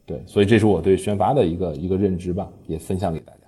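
Fast, husky low-voiced man. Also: steady tone, warm tone, soft background music. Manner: explanatory, frequent fillers, self-corrections. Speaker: short-video platform drama operations lead, podcast guest. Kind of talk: podcast panel discussion.

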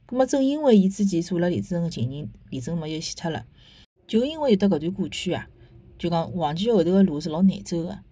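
A woman with a Shanghainese accent talks in a low, mellow voice with a slightly husky edge. She sounds conversational and opinionated, like a host casually retelling and reviewing a story. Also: animated, quick pace. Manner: conversational, opinionated, with rhetorical tag questions. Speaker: host of a book and theatre review podcast.

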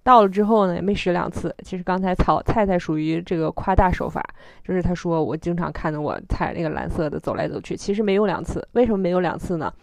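A woman with a Northeastern Chinese accent chatting casually as a podcast co-host, telling stories in an animated, self-mocking way. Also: on the low side, fast, gravelly, no echo. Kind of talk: casual chat.

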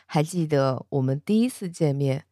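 A woman playing a cold, proud immortal lord who speaks low, soft and slow. He needles the other with calm, mocking politeness, close and dry. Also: no room sound. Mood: teasing. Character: cold proud ancient immortal man, teasing.

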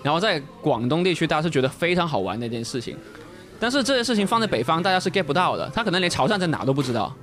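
Podcast guest, male, light Cantonese-accented Mandarin, animated and explanatory delivery at a brisk clip over faint music. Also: fairly high pitch. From Guangzhou, China. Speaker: guest, full-time short-video creator. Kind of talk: casual podcast chat.

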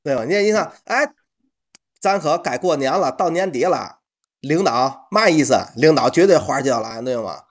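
Male podcast co-host, Tianjin accent. Highly animated delivery, casual comic banter, earthy everyday wording. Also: moderate pace. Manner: colloquial, mildly profane.

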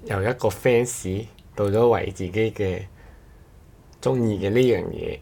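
Gravelly and warm, this man's very low voice carries a Cantonese accent as he co-hosts a laid-back podcast. His talk is unscripted and comes out in brief, hesitant fragments, and he frequently loops back to reword things.

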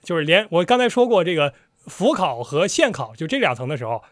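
A man with a fairly high voice walks through a piece of history in a casual chat. He talks with animation and drifts into a storyteller's rhythm. The sound is close and dry. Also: brisk, no room sound. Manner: animated, slips into storyteller cadence. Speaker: podcast host explaining history.

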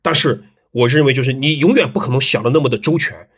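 A middle-aged man, a landscape design teacher, telling stories in a relaxed interview with lots of fillers and tag questions. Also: medium pitch, quick pace, breathy edge. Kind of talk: casual interview storytelling.

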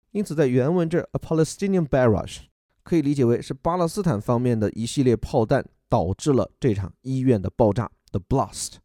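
A man teaching how to read English news, patiently explaining each word and reading quotes slowly. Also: medium pitch, mellow, no echo, clean studio sound.

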